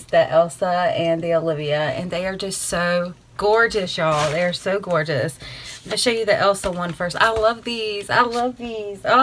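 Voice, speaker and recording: A woman, gushing and excitable as she unboxes mail in a casual vlog, filmed on a tripod camera, first on her porch and then indoors. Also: fairly low pitch, slight background noise, poor audio. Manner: gushing, excitable, many fillers. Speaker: beauty vlogger.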